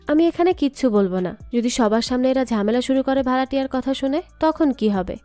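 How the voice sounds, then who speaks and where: A woman's voice: high-pitched, animated, a little fast, warm tone, dry recording. A woman reading the lines of an anxious middle-aged mother, in her own voice.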